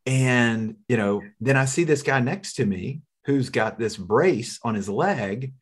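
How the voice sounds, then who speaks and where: Man, earnest storyteller, husky, mid-pitched. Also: lively intonation, slow. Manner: earnest, storytelling, repeats words at starts. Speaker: minister sharing a testimony. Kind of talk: conversational testimony and exhortation.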